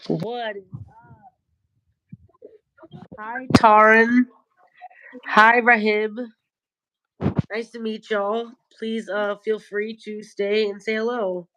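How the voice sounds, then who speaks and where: A woman's voice: medium pitch, flat delivery, slow, long pauses, fairly bright tone. A woman hosting a late-night livestream, stuffed up with a cold, talking in a loose, rambling way into her phone. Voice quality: nasal, congested. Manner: rambling, loose, a little stoned. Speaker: livestream host. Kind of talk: casual livestream chat. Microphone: phone or tablet camera.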